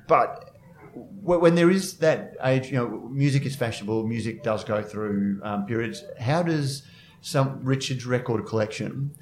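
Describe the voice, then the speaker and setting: A man's voice: mid-range voice, measured pace, a little hiss or hum. A man in his fifties hosting a podcast, asking chatty, wry questions. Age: 50s. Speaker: podcast host. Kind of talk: casual interview chat.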